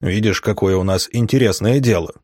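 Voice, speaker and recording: A cautious, wry male mage from a fantasy audiobook, read by a man in nearly his own voice. The voice sits low and speaks in a measured, dry way. The recording is close, with no room sound. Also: darkish tone, no echo, natural voice.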